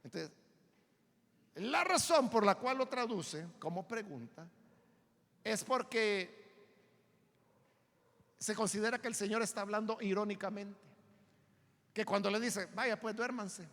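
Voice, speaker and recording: A man's voice: sits high, animated, unhurried, pauses often, a bit bright, big-room sound. A Salvadoran pastor teaching a Bible study sermon in a church. He explains emphatically and often asks listeners to agree. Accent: Salvadoran Spanish.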